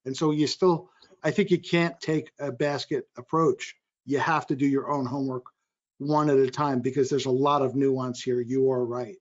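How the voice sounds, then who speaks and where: A man speaking as an investor on a panel, energetic and quick, often cutting into his own sentences. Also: medium pitch, lo-fi sound. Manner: energetic, quick, self-interrupting. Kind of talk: panel discussion. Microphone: video call.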